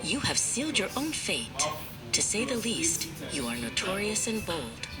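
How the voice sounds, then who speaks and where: A woman's voice: medium pitch, sing-song, measured pace. A woman voicing a snobbish, angry old king who scolds imperiously in a storybook tale. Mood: haughty, threatening. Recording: roomy echo, loud music bed.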